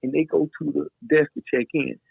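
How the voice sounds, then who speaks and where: A middle-aged man, a guest DJ, telling a story in a loose, animated way, full of slang and fillers. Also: on the high side, a little fast, creaky, breathy edge, no room sound. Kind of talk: casual storytelling in a podcast interview. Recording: dry, tinny phone-like sound.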